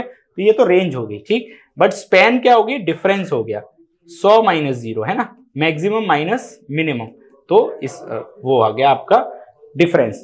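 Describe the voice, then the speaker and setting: High-voiced Hindi-coaching teacher. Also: male voice. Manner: explains step by step, often asks "theek hai" and "hai na"; switches between Hindi and English mid-sentence. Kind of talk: exam-prep lecture.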